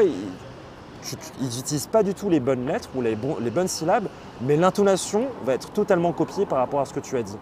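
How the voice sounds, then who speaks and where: A man hosting a live stream, explaining things casually and pausing often on fillers as he reads and answers chat. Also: fairly high pitch, a little mellow, slight background noise. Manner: explanatory, hesitant, with many fillers. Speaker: livestream host.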